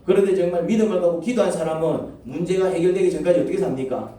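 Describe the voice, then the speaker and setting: A man's voice: high voice, fast talker, warm tone. A man, a pastor, preaching a sermon in a church and firing questions at the congregation. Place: church sanctuary. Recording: echoey church from a distance.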